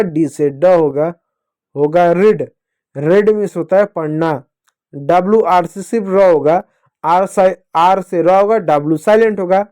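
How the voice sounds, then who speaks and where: Man, high-pitched voice, children's phonics teacher, slow spelled-out words, affectionate to kids. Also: a little mellow. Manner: addresses children fondly as dear kids.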